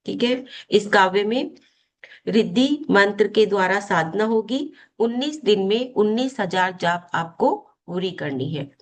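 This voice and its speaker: A woman of middle pitch teaches a spiritual course in a steady explanatory way. She keeps posing questions to her listeners and then answers them herself, guiding them through a devotional practice. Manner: slow, deliberate chanting of mantra syllables.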